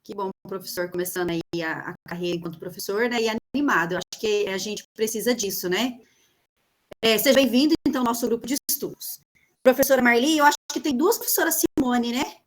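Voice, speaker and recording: A woman's voice: on the high side, fast, rough recording. Welcoming Brazilian woman hosting a class. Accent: Brazilian Portuguese. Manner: warm welcoming, many tag questions. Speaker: course facilitator.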